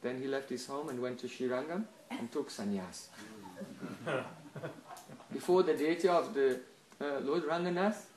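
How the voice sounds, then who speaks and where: A man giving a devotional lecture as a spiritual teacher, telling a story in an animated way and checking in with listeners with a quick "huh?". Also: mid-range voice, reverberant, slight background noise, poor audio.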